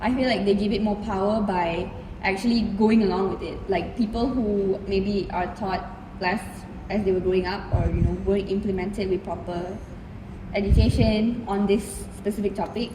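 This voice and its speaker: A woman's voice: mid-range voice, steady tone, normal speed. Woman heard from afar in an echoey room. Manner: rambling, filler-laden explanation. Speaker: guest. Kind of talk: casual panel chat. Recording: distant, echoey and noisy.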